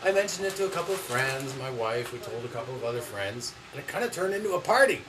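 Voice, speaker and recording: A man's voice: medium pitch, sing-song, fast. A man chatting casually as a guest over a video call, with noisy, distant sound. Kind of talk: casual chat.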